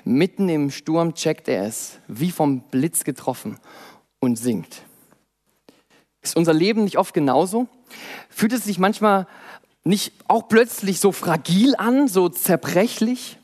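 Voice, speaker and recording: A young man giving a sermon, dramatic, asking rhetorical questions and swinging between loud and soft. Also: high voice. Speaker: youth preacher.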